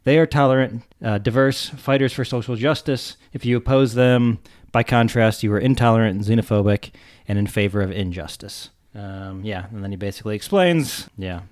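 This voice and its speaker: Chill podcast guy reading out a book passage, kinda flat. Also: fairly low pitch, moderate pace. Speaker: podcast co-host. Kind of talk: reading aloud from a book, casual chat.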